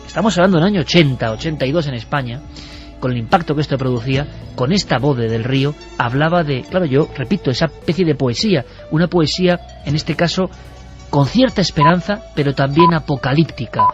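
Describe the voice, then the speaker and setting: A man with a somewhat high voice hosts a radio show, musing lyrically and speaking to his listeners. Faint music sits under a dull, muffled broadcast sound. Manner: reflective, lyrical, addresses listeners. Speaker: radio host.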